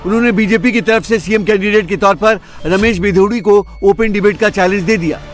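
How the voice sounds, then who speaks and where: A man's voice: high-pitched, a little fast, soft background music. A man reading scripted news narration.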